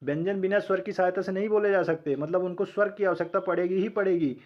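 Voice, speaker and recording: High-voiced man teaching an exam-prep lesson. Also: steady tone, muffled recording. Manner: drills learners with questions he answers himself; sounds out letters slowly one by one.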